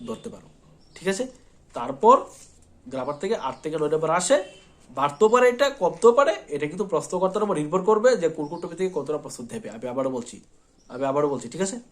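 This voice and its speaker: A man teaching an exam-prep lesson, repeating points and often checking in with his students. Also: high voice. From Tripura, India. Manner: repetitive, reassuring, checks in often with "thik ache".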